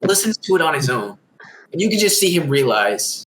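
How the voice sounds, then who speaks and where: A man's voice: fairly high pitch, very animated, fairly quick, fairly bright tone. A young man on a podcast, telling stories in a rambling, casual way, leaning heavily on "like". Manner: rambling storytelling, heavy use of "like". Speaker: podcast co-host. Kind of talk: casual chat. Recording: roomy echo.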